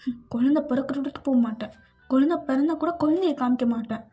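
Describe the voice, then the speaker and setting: A woman's voice: high voice, fairly even intonation, unhurried, mellow, muffled recording, faint music behind. A woman voicing a clingy young pregnant wife in a fan fiction audio story, pleading and childlike, sometimes stubborn.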